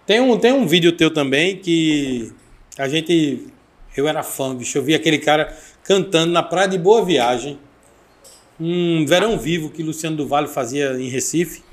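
A man hosting a casual chat, reminiscing in a chatty, talkative way. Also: fairly high pitch. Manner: chatty, reminiscing, quick back-and-forth. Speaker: host.

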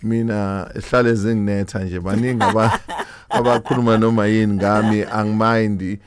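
A man's voice: lowish voice, level tone, fairly quick, clean tone, no echo. A South African man with a Zulu accent, speaking casually as an interview guest and switching between languages. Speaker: interview guest, lounge owner.

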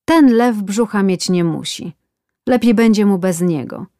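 A woman's voice: mid-range voice, measured pace, dark tone, no room sound, clean studio sound, natural voice. A woman voicing a whining man getting a tattoo, complaining and pleading in a storybook tale. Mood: pained.

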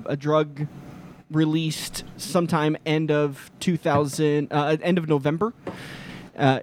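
A man's voice: a little high, darkish tone, a little hiss or hum. Chatty laughing podcast host, man. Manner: loose, chatty, laughs easily. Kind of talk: casual chat.

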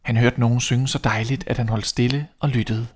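Calm male fairy-tale storyteller. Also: medium pitch. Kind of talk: reading a fairy tale aloud.

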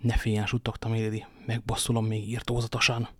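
A man's voice: on the low side, completely flat delivery, fairly bright tone, husky, dry recording. A man putting on a cooing scheming noblewoman. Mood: coaxing. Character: scheming seductive noblewoman, sweet and vengeful.

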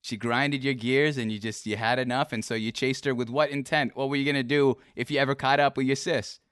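A man's voice: mid-range voice, steady tone, brisk, a bit bright, clean tone, no echo, clean studio sound. A man streaming, chatting casually with a guest, teasing and laughing easily, often repeating his words. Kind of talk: casual chat.

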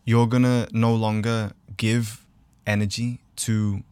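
Male guest, average pitch, earnest casual explainer, very dry studio sound. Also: level tone, takes it slowly, darkish tone, smooth, no echo. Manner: earnest explainer, often checks "you know what I mean". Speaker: podcast guest. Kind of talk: casual, philosophical chat. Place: podcast studio.

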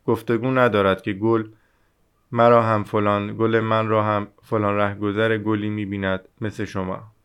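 A man reading as the Little Prince, gravelly and earnest. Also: on the low side, little pitch movement, a bit bright. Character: small boy prince, earnest and curious. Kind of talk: audiobook reading.

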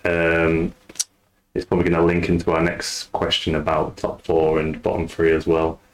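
A man hosting a casual podcast chat, talking in a relaxed, rambling way. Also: low-pitched, normal speed. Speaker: podcast host.

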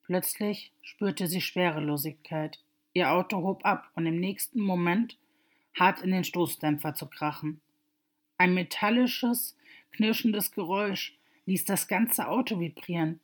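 A woman narrates a story aloud in a steady, measured reading. Her voice is somewhat low for a woman's, and she keeps the telling even and unhurried.

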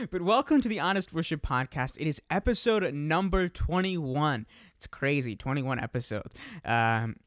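A man's voice: fairly high pitch, very animated, a little slow, a bit bright, no room sound. Young guy hosting a chill podcast, laid-back and self-laughing, lots of ums, dry close mic sound. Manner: easygoing, laughs at himself, many fillers. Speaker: podcast host. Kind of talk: casual podcast chat. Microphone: desk microphone.

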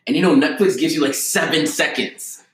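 A man's voice: a little high, a little fast, a bit bright. A young man, chatting casually and slangily as a podcast co-host. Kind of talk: casual chat. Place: basement, indoors. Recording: echoey basement room.

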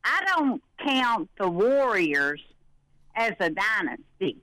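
A woman's voice: mid-range voice, very animated, slow pace, pushed and bright, dry recording, poor audio. An older woman calling in by phone, a little out of breath, talking in a folksy, rambling way. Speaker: caller.

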